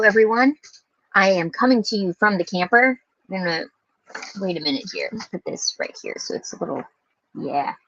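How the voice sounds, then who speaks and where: A woman's voice: mid-range voice, fairly bright tone, no echo, dull audio. American woman chatting inside a small camper. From United States, lives in Louisiana. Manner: informal, rambling. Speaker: livestream host. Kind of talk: casual livestream chat.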